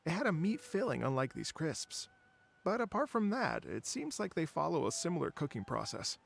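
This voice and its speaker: A gentle, gravelly traveling musician. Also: male voice, a little high, very animated, moderate pace, slight background noise, full character voice. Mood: storytelling. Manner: gentle, courteous, wistful. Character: wandering male musician, polite and dreamy. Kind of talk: video game dialogue.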